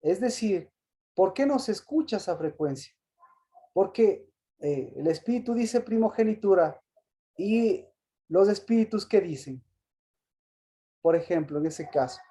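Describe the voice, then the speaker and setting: A man teaching an interactive Bible study on a video call, pausing and repeating words as he asks questions. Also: sits high, expressive, mellow.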